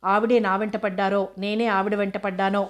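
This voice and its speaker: Woman reading out a smug man from a novel, calm and needling, pretty flat delivery. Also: medium pitch, a little fast, lightly acted. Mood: mocking. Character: smug, mocking adult man, cool under pressure.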